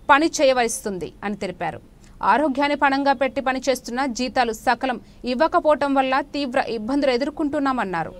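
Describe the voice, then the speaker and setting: A woman news anchor reading the bulletin in a formal, measured way. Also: high voice.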